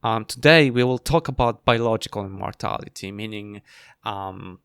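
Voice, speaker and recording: A man with a fairly low voice leads a science podcast segment. He reads out definitions and explains them in a halting way, with many ums. The sound is dry and close, with no room echo. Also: a bit bright, clean tone. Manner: explains from notes, halting with fillers. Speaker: podcast co-host. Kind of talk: casual science discussion.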